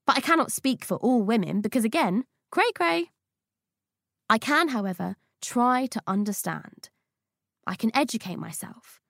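Creaky-voiced woman reading a witty essay. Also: a little high, animated, normal speed, a bit bright, no room sound, studio quality. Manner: playful, witty, slangy delivery. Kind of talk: scripted audiobook essay reading.

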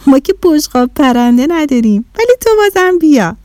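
A woman voicing a cheerful, polite young village girl in a children's story, eager and quick to explain. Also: high-pitched, big pitch swings, darkish tone, no echo, studio quality, pitched above the performer's own voice. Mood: excited.

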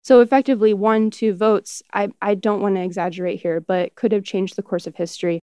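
A woman's voice: medium pitch, steady tone, a little fast, warm tone, clear, resonant tone, dry recording, studio quality. A woman speaking as an expert interviewee, explaining history in a conversational way.

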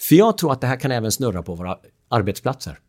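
Man, animated talk-show guest, lively pitch, playful storyteller. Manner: lively, acts out quotes, laughs often. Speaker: speaker on the drama triangle, a father.

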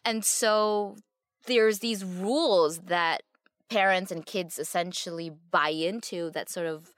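A woman's voice: on the low side, fairly even intonation, takes it slowly, dry recording. A woman co-hosting a podcast, speaking earnestly and reflectively, often restarting her sentences. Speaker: podcast co-host. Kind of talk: casual conversational podcast.

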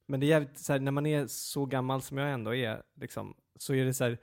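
Gravelly-voiced man chatting casually. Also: mid-range voice, fairly even intonation, a little mellow. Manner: rambling, self-deprecating, many fillers. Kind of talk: casual chat.

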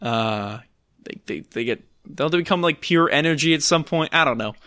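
A man's voice: on the high side, lively intonation, normal speed, pushed and bright, no room sound, clean studio sound. A man co-hosting a casual podcast, recapping a film in a sarcastic, rambling way with lots of fillers. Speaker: podcast co-host recapping films. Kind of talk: casual chat.

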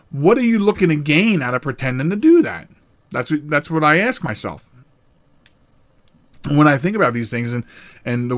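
A middle-aged man rambles animatedly on his solo podcast, often restarting his sentences and jumping suddenly in pitch to stress a point.

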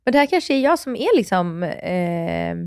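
A woman's voice: fairly low pitch, creaky, clean tone, no echo, clean studio sound. Agitated woman telling a story. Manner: animated, agitated storytelling with many restarts. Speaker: podcast co-host. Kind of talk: casual chat.

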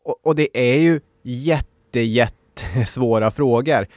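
A man's voice: medium pitch, darkish tone, no room sound, studio quality. A man co-hosting a casual history podcast, talking reflectively and agreeing briefly with his partner. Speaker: podcast co-host.

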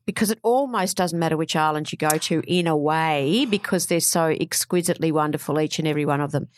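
A woman co-hosting a casual chat, playful and teasing. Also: sits low. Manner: playful, teasing, quick to agree.

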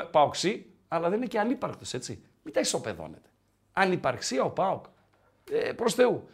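Animated man chatting about football. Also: high-pitched. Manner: animated, joking, emphatic. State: slightly sick. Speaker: co-host of a sports live stream. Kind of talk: casual sports chat, reading viewer messages.

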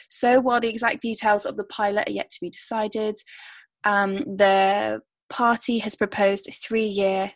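Brisk woman podcast co-host, dry sound. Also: medium pitch, no room sound. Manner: brisk, reads out news items. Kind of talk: casual chat and news reading.

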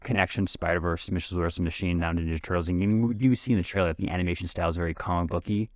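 A man co-hosting a casual podcast, talking quickly and tripping over his words as he rambles. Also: sits low, steady tone, no room sound, clean studio sound. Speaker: podcast co-host. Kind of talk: casual chat.

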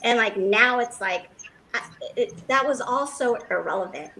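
A woman's voice: fairly high pitch, animated, moderate pace, bright, forceful tone, rough recording. A woman from Los Angeles, a fashion designer, giving rambling interview answers full of fillers and restarts.

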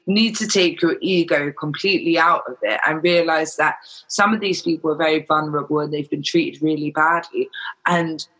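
A man's voice: fairly high pitch, fairly even intonation, normal speed, sharp tone, low-quality recording. A man chatting casually and frankly, explaining his views and acting out imagined quotes as he goes. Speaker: charity volunteer. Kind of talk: casual chat.

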